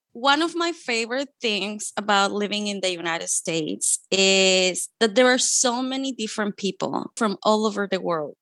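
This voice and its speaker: A woman from Chile speaks English with a Chilean Spanish accent, Spanish being her first language. She tells her own story in an earnest, reflective and talkative way. Her voice sits at a middle pitch and sounds dry and close, with no room echo. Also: a bit bright. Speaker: interviewee. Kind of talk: personal storytelling.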